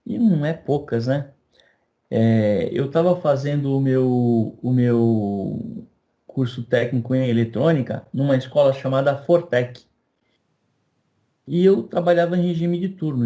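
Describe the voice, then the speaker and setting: A man's voice: fairly high pitch, dark tone. An older man from Brazil, telling a long story in a class. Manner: anecdotal, chatty, acts out dialogue. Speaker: teacher.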